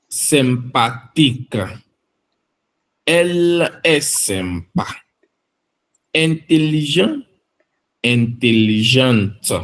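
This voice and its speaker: A man's voice: mid-range voice, a bit bright. A man from France reading vocabulary aloud for learners, carefully enunciating each word and then an example phrase. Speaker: language teacher.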